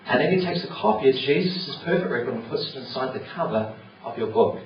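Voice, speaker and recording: A man's voice: mid-range voice, animated, brisk. A man giving an earnest, conversational evangelistic talk in a church, with many "you know" fillers. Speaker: church speaker. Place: church hall. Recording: roomy, distant, dull with noise.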